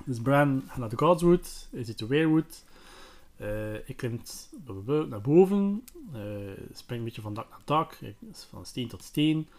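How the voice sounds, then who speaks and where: A podcast host retells a book in a relaxed, chatty manner, often hesitating and filling the gaps with fillers. His voice sits at an ordinary middle pitch and he speaks a little slowly.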